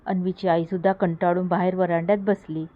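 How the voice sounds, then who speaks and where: A woman's voice: level tone, fast. A woman narrating her own horror story, acting out the characters' lines with a lifted voice. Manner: acts out characters' lines with raised pitch. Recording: phone-like audio with faint noise.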